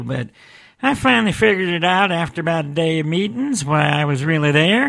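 A man's voice: fairly high pitch, vocal fry, bright, forceful tone, heavily acted. A man voicing a chatty male elf radio reporter who talks in a folksy way and keeps calling his partner by name. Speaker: co-host, reporter. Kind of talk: comedic audio podcast acting.

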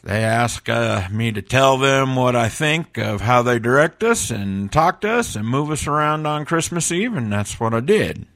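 A man performs a blunt elf flight tracker with a gravelly, creaky voice in a comedic audio podcast. He talks plainly and roughly, sometimes bending his grammar, and his pitch leaps sharply at the start of a reply. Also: animated, measured pace, few pauses, fairly bright tone. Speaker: podcast guest.

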